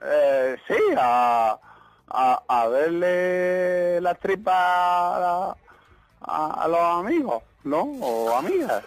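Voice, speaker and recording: A man with a Murcian accent and an odd cartoonish voice, haltingly telling comic anecdotes as a radio caller, repeating words as he goes. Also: sits high, expressive, dry recording, soft background music. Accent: Murcian Spanish. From Murcia, Spain.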